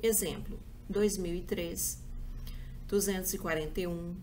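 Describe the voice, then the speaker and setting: A woman's voice: on the low side, fairly even intonation, darkish tone, slight background noise. A woman teacher with a Brazilian Portuguese accent giving a patient school review lesson, listing examples one by one. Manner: slow, patient, spells out examples.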